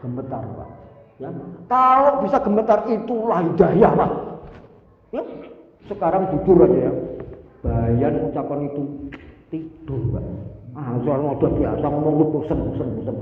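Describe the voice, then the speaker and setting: An older man giving a lively, joking sermon and putting questions to the listeners. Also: a little high, moderate pace, long pauses. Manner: lively, jokey, questions the audience. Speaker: preacher. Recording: echoey hall, far from mic, tinny.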